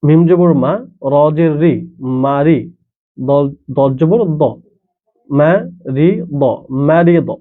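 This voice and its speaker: A man's voice: fairly high pitch, steady tone, slow, long pauses. A man teaching Quran reading, patiently spelling out each letter and vowel mark and repeating every syllable. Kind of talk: slow spelling-out lesson. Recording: tinny phone-like sound.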